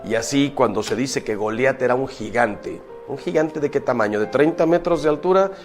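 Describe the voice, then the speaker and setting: Emphatic priest preaching. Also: male voice, normal speed, soft background music. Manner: emphatic, rhetorical questions, swings from loud exclamations to low asides. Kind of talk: preaching talk.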